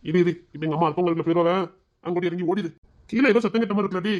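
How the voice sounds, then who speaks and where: A woman's voice: lowish voice, rapid-fire, a little mellow, lo-fi sound, close to an everyday voice. A woman voicing a dismissive middle-aged husband who grumbles.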